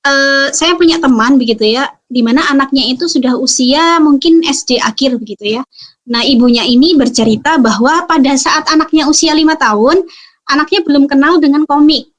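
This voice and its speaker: A woman giving a parenting webinar talk, explaining calmly with frequent fillers and tag questions. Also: sits high, moderate pace. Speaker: parenting speaker.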